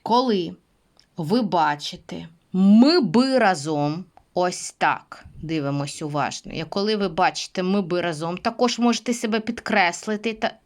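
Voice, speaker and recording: A woman teaching English pronunciation, speaking patiently and repeating words for her students. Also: on the low side. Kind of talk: pronunciation lesson.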